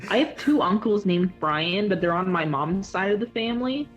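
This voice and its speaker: A woman's voice: mid-range voice, lively intonation, moderate pace, soft background music. A young woman co-hosting a casual podcast chat, joking in a dry way. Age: young adult. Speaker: podcast co-host.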